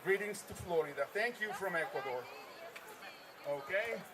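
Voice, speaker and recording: A man's voice: high-pitched, animated, normal speed, a crowd in the background. A man hosting a live stream from a trade-show floor, reading viewer comments aloud and echoing his guests' answers in an upbeat way. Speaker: livestream host.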